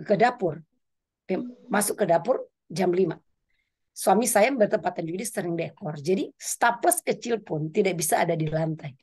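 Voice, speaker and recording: A middle-aged woman speaking at a women's prayer meeting, giving a lively spoken testimony sermon, her pitch rising and falling as she tells her story. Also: husky. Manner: animated storytelling, pitch swinging up and down.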